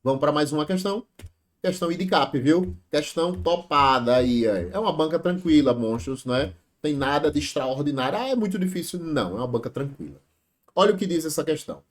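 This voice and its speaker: A man's voice: a little high, fairly quick. Chatty Brazilian man teaching grammar. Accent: Brazilian Portuguese. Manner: lively, chatty, addresses viewers as "monstros", asks rhetorical questions. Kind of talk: exam-prep grammar lesson.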